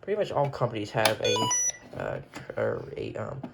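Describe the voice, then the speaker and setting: Speaking fairly low with vocal fry and huge swings in pitch, a collector talks through his items without a script. The recording is very noisy, and he rambles, pausing often to correct himself.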